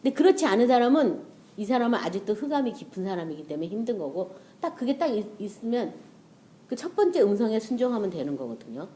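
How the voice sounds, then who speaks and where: A woman preaches in a chatty, conversational way and often slips into acted-out prayers and inner thoughts. Her voice is mellow and warm, sitting at an ordinary middle pitch. She keeps the tone familiar and unhurried. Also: very animated. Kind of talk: sermon.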